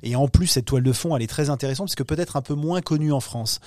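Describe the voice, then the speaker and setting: A man's voice: medium pitch, fast, darkish tone, no echo. A man talking about upcoming films in a podcast interview, hesitant, with many fillers and restarts. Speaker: film distribution executive.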